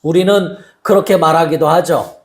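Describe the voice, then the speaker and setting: High-voiced soft-spoken male pastor preaching. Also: moderate pace, echoey room. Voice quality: soft-spoken, by his own account. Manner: animated storytelling, acting out voices from the story. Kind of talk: sermon.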